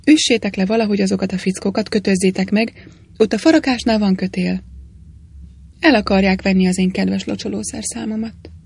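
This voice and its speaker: A woman voicing a mild, clumsy old priest in a storybook reading, meek and fussy, with a husky tone. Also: medium pitch, fairly even intonation, a little mellow.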